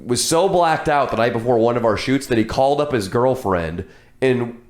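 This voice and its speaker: A man's voice: mid-range voice, expressive, moderate pace, echoey room. A man talking casually as a podcast host, telling stories bluntly and with swearing. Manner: blunt, profane. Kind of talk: casual chat, storytelling.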